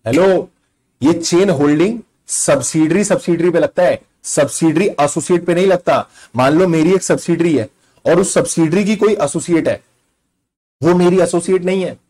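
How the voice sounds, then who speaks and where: A young man teaching a live online law class in a conversational, teasing manner. His voice sits a little high for a man, and he keeps stopping to quiz his students. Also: moderate pace, dark tone. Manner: quizzing students, conversational Hindi mixed with English. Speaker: law lecturer.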